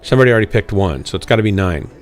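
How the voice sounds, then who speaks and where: A man's voice: on the low side, lively intonation, racing, soft background music. A man hosting a live game stream, chatting casually in a joking, drily teasing way. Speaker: streamer and host.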